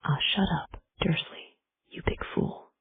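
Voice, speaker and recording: A narrator whispering the part of a huge, gruff, bearded male giant who speaks in rough folksy words, in a whispered role-play. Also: slow, no echo, natural voice. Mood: indignant. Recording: dry, tinny phone-like sound.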